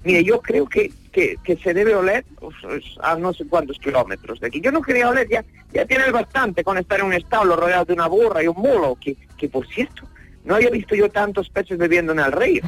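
An actor playing an earthy, flustered Catalan peasant in a radio comedy sketch, rambling and stammering apologetically. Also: male voice, high voice, very animated, fairly quick, fairly bright tone, no room sound, faint music behind, heavily acted, poor audio.

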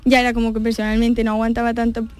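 A woman's voice: on the high side, monotone, a little mellow, clean tone. A woman, a guest chatting about learning languages. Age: 20s. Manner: quick chatty with fillers. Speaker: guest, English teacher. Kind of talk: casual interview chat.

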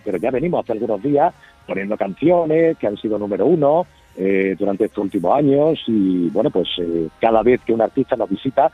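A man phones in to a radio show and chats casually, stumbling over fillers and restarts. His husky voice comes through a tinny, dry phone line with nothing around it. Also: medium pitch, no echo. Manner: hesitant, many fillers and restarts. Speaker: radio guest calling in. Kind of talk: casual promotional chat.

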